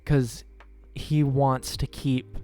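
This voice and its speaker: A young man in casual podcast talk, thinking out loud and stumbling over his words as he guesses at a plot. His voice sits at an ordinary pitch. Faint music plays underneath. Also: little pitch movement, extremely slow. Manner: hesitant, speculative, full of restarts. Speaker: podcast co-host. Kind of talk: casual chat. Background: faint background music.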